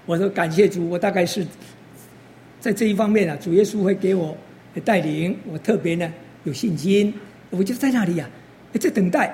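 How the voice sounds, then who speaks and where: An older preacher tells stories from the pulpit in a mellow, dark-toned voice. The talk is full of interjections and acted-out quotes, in the style of a testimony sermon. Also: mid-range voice, moderate pace, slight background noise.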